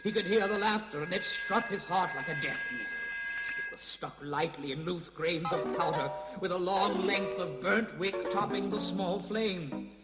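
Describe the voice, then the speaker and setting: Guy telling spooky ghost tales, theatrical, hushed then urgent, highish voice, big echoey reverb. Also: unhurried. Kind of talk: dramatic scripted storytelling for a ghost tour record. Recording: reverberant hall sound with loud music behind. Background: music.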